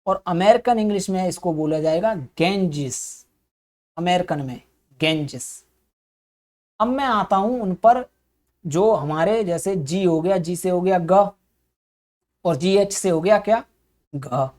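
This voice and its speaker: A woman's voice: on the low side, unhurried, a little mellow. An English teacher, a woman, giving an explanatory spoken lesson, often posing questions to herself and then answering them.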